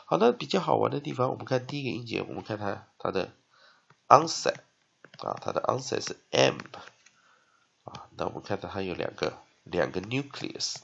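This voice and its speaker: Low gravelly-voiced male teacher. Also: big pitch swings, muffled recording. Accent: Taiwanese Mandarin. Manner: drawn-out repeated syllables, frequent "ha" tag. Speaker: English teacher. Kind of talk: spelling and phonics lesson.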